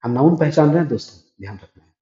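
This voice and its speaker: Teacher with a dark, echoey voice. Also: male voice, on the high side, lively intonation, racing. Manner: explains step by step, asks and answers his own questions. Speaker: English grammar teacher. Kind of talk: classroom-style grammar lesson. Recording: echoey room, dull lo-fi sound.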